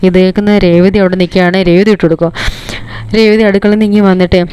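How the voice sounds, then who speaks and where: A woman's voice: mid-range voice, fairly even intonation, racing, mellow, a little hiss or hum. A woman vlogger retelling a TV serial episode in a storytelling manner. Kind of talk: TV serial recap narration.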